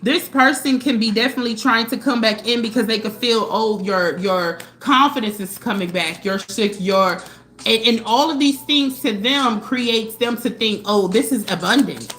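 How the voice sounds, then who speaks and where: A woman streaming a live tarot reading, talking fast and repeating herself, often checking in with "okay?". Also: a little high, fairly bright tone. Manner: fast, repetitive, tags lines with "okay?". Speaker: tarot reader.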